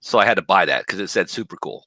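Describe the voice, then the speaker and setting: A man on a gaming podcast panel, speaking through a gaming headset with deadpan jokes. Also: sits low, fast, dry recording. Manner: deadpan, joking. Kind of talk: casual gaming podcast chat. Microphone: new gaming headset.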